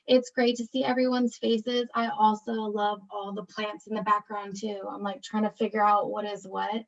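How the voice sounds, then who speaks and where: A woman's voice: medium pitch, little pitch movement, moderate pace. A woman, an outreach case manager, chatting in a bubbly, talkative way on a video call. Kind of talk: casual chat. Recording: dull lo-fi call audio.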